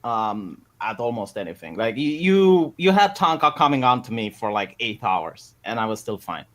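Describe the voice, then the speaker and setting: Bright, stammering man in debate. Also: medium pitch, moderate pace. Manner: stammering restarts, animated. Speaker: guest debater. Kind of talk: casual livestream debate.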